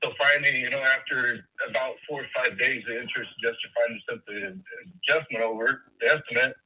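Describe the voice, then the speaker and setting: Male caller on speakerphone: sharp, husky voice, rambling and hesitant delivery, heard from a distance. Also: mid-range voice, fairly even intonation, fast talker. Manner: rambling, hesitant retelling with restarts. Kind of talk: phone-in storytelling. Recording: distant tinny speakerphone line.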